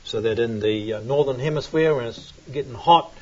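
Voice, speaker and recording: A husky-voiced pastor from New Zealand rambles through a relaxed sermon chat and prayer, hesitant and full of fillers. His voice is mid-range at normal speed, captured in a dull lo-fi recording.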